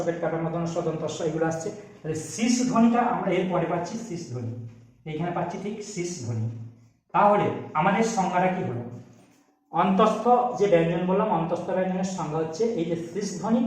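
Fast, high-voiced man teaching in echoey room. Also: expressive, recorded from a distance. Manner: explaining step by step, asking and answering his own questions. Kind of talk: Bengali grammar lesson.

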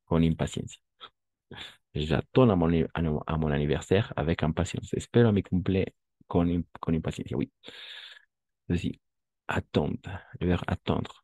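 A man with a low, dark voice teaches French, patiently explaining and moving back and forth between French and Spanish. He is recorded close up, with a dry sound and no room around him. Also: fairly even intonation, unhurried, long pauses, dry recording. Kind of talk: online language lesson.

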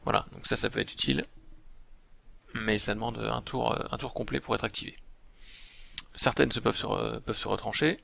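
A man with a heavily gravelly, creaky voice talks through a strategy game as he plays. His tone is bright and forward, and he thinks aloud in a relaxed way, often pausing to hesitate. Mouse clicks tick along behind him. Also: on the low side. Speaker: game video host. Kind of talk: casual gameplay commentary.

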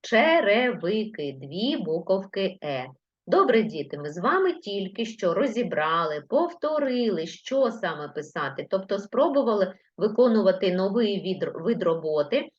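A woman teaching primary school children in a live online lesson, patiently dictating words slowly letter by letter. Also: mid-range voice, sing-song, slightly rough. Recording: lo-fi livestream audio.

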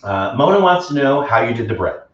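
A very animated man with a medium-pitched voice talks fairly quickly while hosting a casual cooking live stream from home. Chatty and enthusiastic, he reads viewer comments aloud, and the audio sounds roomy, distant, and dull.

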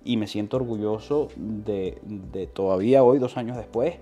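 The guest is a young man with a Venezuelan accent, from Venezuela, recorded through a lapel mic while seated on a living room sofa for a casual interview. His stories are slangy, packed with quoted voices and many restarts. He speaks at a normal speed in a mellow voice on the low side, with faint music behind.

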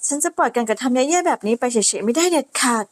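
A sweet young noblewoman with a high, soft voice, polite and gentle on the surface but coolly cutting when she puts someone in their place, as a woman reads her part. The tone of an illustrated story recap. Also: lively intonation, quick pace. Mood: soothing.

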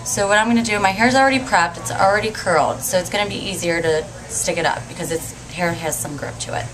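A woman's voice: medium pitch, quick pace, a bit bright, rough recording. Young woman stylist talking through a hairdo. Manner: casual, step-by-step, talking while working on her own hair. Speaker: hair stylist. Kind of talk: hairstyling tutorial. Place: indoor hair salon.

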